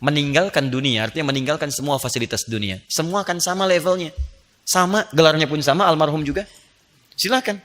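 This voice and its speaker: A man preaching a lively sermon, playful and animated, joking with the audience and acting out little scenes. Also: a little high, fast talker. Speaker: Islamic preacher.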